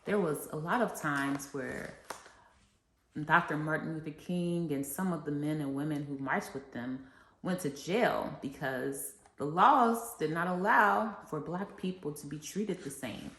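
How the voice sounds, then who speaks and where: Unhurried and a bit bright, this woman's low voice reads a famous speech to children, pausing for simple explanations. She's a read-along reader and educator, heard in an echoey, reverberant room.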